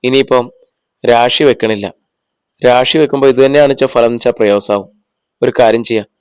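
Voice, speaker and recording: A man reads the part of a grave old village astrologer in a storybook. He weighs each word slowly, as if reluctant to say it. The voice stays smooth and dry, close to the mic. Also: medium pitch, fairly even intonation, darkish tone, dry recording, lightly acted. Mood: coaxing. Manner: slow, halting delivery of bad news. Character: elderly male village astrologer, hesitant and grave.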